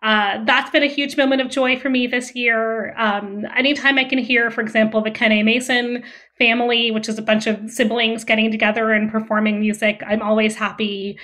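Woman guest from austria, high bright voice, lively and laughy. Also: moderate pace. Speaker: guest, music scholar. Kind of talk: casual podcast interview.

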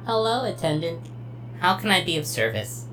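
Casting: actress for polite, logical female service computer in a radio play, lower register, wordy and exact, humming background noise. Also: big pitch swings, normal speed. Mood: helpful. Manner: formal, precise, wordy. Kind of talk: scripted audio drama acting. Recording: clearly audible humming noise.

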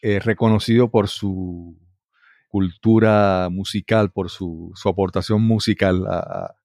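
A man's voice: low-pitched, fairly even intonation, slow, darkish tone, no echo, clean studio sound. A man hosting a podcast, asking long, rambling questions with restarts. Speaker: podcast host. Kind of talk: conversational interview.

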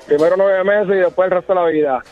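A man, calling into a radio show and cracking jokes over the phone. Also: high voice. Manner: wisecracking. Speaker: caller. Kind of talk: joking phone call. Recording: dull phone line.

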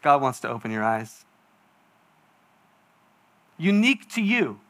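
A man's voice: mid-range voice, big pitch swings, unhurried, a bit bright. A man in his forties preaching a sermon in a church, chatty and self-mocking, acting out little asides as he tells stories. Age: 40s. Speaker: pastor. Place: church hall.

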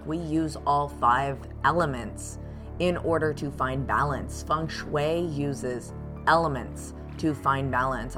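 A woman hosting a podcast as a card reader, explaining things informally and directly to her listeners. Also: low voice.

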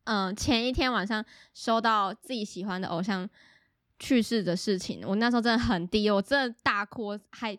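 A woman's voice: medium pitch, normal speed, a bit bright, no room sound, clean studio sound. A young woman chatting casually on a podcast, telling a personal story in an earnest way. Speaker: podcast co-host. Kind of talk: casual chat.

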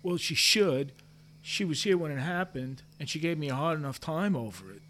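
A gossipy, defensive middle-aged office worker with a high, very lively voice that leaps about. He hedges every answer and sinks low on his asides, with a faint hum behind him. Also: moderate pace. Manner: hedging, self-justifying, drops voice for asides.

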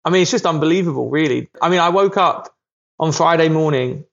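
A man's voice: on the high side, fairly quick, creaky, fairly bright tone. A man chatting casually as a podcast co-host. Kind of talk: casual chat. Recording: slightly dull lo-fi line.

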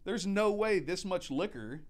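In an unhurried, high-sitting voice, a man in his thirties chats casually as a guest about managing restaurants, playing out quotes as he tells his stories with animation. He was born in Mexico and raised by American parents.

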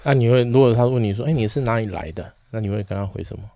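A man's voice: mid-range voice, rapid-fire, warm tone, dry recording. A man co-hosting a casual podcast, curious and teasing as he fires questions at his guest. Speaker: podcast co-host.

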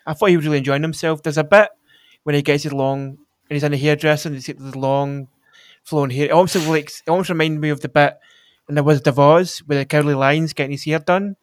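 A man's voice: a little high, fairly even intonation, fast, no echo. A man, chatting casually about films as a podcast co-host, rambling with lots of fillers and restarts. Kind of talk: casual film chat.

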